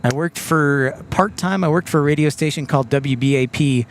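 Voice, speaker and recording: A man with a slightly raised pitch chats easily on an outdoor live stream, answering viewers' questions as they come in. A faint hum of outdoor ambience sits behind him. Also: normal speed. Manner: relaxed, reads viewer comments aloud. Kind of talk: casual live-stream chat. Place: outdoors by an airport.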